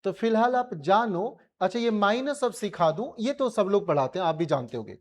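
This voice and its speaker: A man's voice: high-pitched, expressive, normal speed, a little mellow. A male physics teacher with an Indian accent, giving a colloquial classroom revision lecture and pressing his students with repeated questions.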